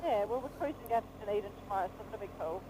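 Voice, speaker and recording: A woman's voice: medium pitch, rapid-fire. A woman with a broad New Zealand accent chatting casually and playfully in slang, often repeating her phrases. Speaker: motorbike travel vlogger, passenger. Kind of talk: casual chat. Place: outdoors on a moving motorbike. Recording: noisy vehicle ride, motorbike helmet audio. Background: engine and road noise.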